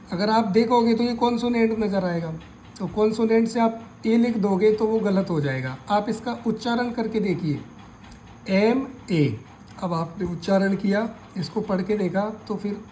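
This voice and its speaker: Slow-speaking male grammar teacher. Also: high voice, a little mellow, a little hiss or hum, rough recording. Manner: slow, repetitive step-by-step explaining. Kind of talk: grammar lesson explanation.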